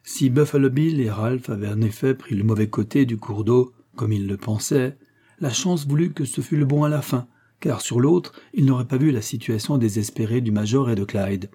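A man reading an old adventure novel aloud as narrator, in a steady, measured way. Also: mid-range voice, breathy edge.

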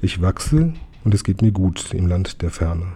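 A man narrating a children's audiobook in a calm, measured way. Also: low-pitched, slightly rough. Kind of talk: audiobook reading.

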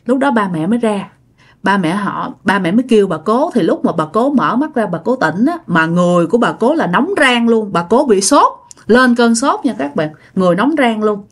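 A woman's voice: medium pitch, expressive, normal speed, breathy edge. Southern Vietnamese woman, conversational ghost-story teller, talks straight to her listeners. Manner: chatty, with filler phrases and asides to listeners.

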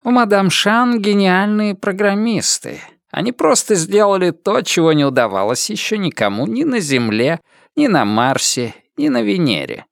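A man's voice: high voice, sing-song, moderate pace, vocal fry, no echo, studio quality, pitched above the performer's own voice, exaggerated voice. A man voicing an earnest male robot cat pirate who explains his feelings in an audiobook.

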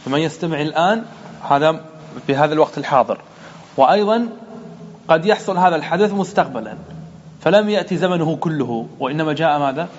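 A man's voice: a little high, animated, fast talker, pauses often, muffled recording. A man, a sheikh, teaching a grammar lesson in a methodical way, asking and answering his own questions.

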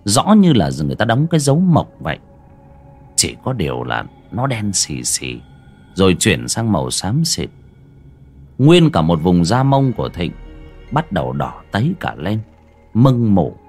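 A man giving dramatic, expressive scripted horror story narration, dropping low and hushed at eerie moments. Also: a little slow, husky, soft background music.

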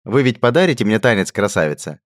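A man doing a loud, teasing young comrade. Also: fairly low pitch, big pitch swings, quick pace, dry recording, clean studio sound, voice pushed up. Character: mocking, jokey young male friend.

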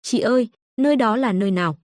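A woman's voice: fairly high pitch, fast, dry recording, clean studio sound, lightly acted. Niên Niên, a tearful little ghost boy, as a woman puts him on. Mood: hopeful. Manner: whimpering, pleading. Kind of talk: audiobook narration.

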